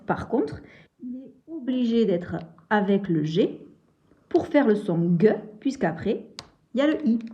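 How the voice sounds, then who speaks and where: A woman teacher slowly and patiently explaining a reading lesson to young children. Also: medium pitch, lo-fi sound. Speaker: schoolteacher.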